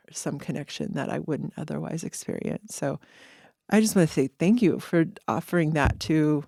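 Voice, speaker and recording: A woman's voice: low-pitched, creaky, a little mellow, dry recording, clean studio sound. A woman who is a friend of the guest, sharing earnest, reflective thoughts in a podcast interview and sometimes searching for her words.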